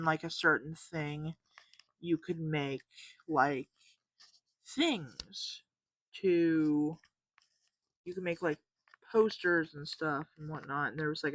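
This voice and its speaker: A teenage boy with a fairly high-pitched voice hosts a podcast, casually telling a rambling story packed with fillers and restarts. He often loses track of what he was saying mid-story, and the recording has no room sound.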